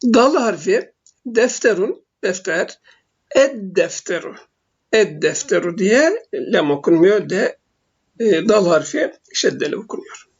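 A man teaching basic Arabic letters in a recorded lesson, speaking slowly and haltingly with frequent filler sounds. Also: high voice, expressive, husky. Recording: dull lo-fi recording.

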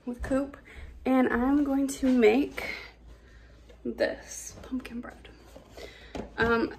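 A woman's voice: on the high side, creaky, background noise. A woman in her twenties chatting casually to her phone camera while baking at home and showing off her porch. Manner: chatty, upbeat, chatty asides. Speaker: vlogger. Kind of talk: casual vlog narration. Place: home kitchen and front porch. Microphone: handheld phone camera.

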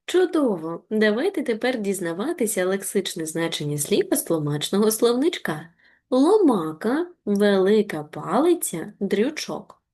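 Lively encouraging woman teacher. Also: mid-range voice. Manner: encouraging, slow and deliberate for the children. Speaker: primary school teacher. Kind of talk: online reading lesson for children.

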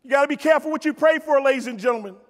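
Rapid-fire and extremely high-pitched, a middle-aged American man gives a motivational keynote in a large convention hall, the PA reverberating. He tells stories emphatically, uses repetition for effect and addresses his listeners directly from the stage.

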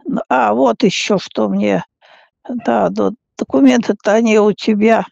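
A frail great-grandmother in her eighties chats casually over the phone. Her voice is heavily creaky and she speaks haltingly, stumbling and repeating words. The sound is dry and dull, like a recorded call. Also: mid-range voice, fairly even intonation, a little mellow, no echo. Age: 80s. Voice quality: frail, elderly voice. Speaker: great-grandmother talking with younger relative.

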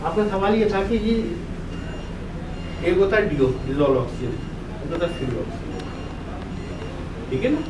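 An older professor with a Pakistani Urdu accent speaks in a high, animated voice at normal speed, leaving long pauses. Lecturing on boiler chemistry through a face mask, he writes on the board and quizzes his class, answering his own questions. The recording, made by a distant room mic in a brick-walled meeting room, is echoey and noisy.

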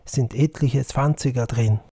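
A man reading an audiobook, voicing a dying old peasant husband who speaks slowly, gently and with resignation. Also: mid-range voice, slightly rough, no room sound, studio quality. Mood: tender resigned. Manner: slow, gentle, resigned speech.

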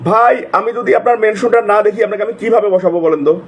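A man with a strikingly high voice hosts a live stream, firing off viewers' names one after another at a breakneck pace. His throat is sore from the nonstop calling, and he repeats each plea again and again with urgency. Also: racing, a little hiss or hum. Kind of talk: live stream shout-outs.

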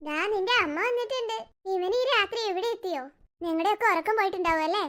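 A woman doing a calm ghost child's mother. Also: very high-pitched, fast talker. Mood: explaining. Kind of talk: cartoon voice acting.

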